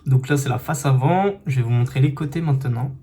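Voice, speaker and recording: A man's voice: mid-range voice, a little fast, mellow. A man casually unboxing and reviewing earbuds, chatty with many fillers and restarts, filmed on a phone indoors. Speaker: tech reviewer. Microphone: phone camera.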